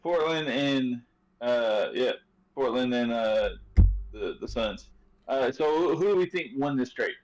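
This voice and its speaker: A man hosts a casual sports podcast, joking his way through the topics. His voice sits at an everyday middle pitch. He talks loosely, with plenty of fillers and restarts. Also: expressive, a little slow, darkish tone, a little hiss or hum, low-quality recording. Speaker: podcast host.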